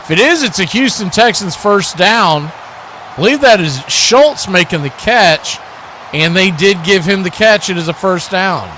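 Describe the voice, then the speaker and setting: This man's voice sits high and sounds expressive, moving a little slowly against background noise. He calls live American football play-by-play in the manner of radio, using short punchy phrases and lively action verbs, serving as both commentator and watch party host.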